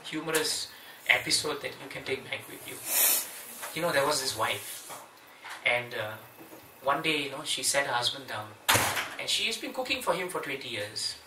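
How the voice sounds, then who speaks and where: A man's voice: medium pitch, normal speed. A man giving an evening scripture class in a home, telling a humorous story and acting out its voices. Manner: lively storyteller, acts out voices in the tale. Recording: roomy, distant mic, faint noise.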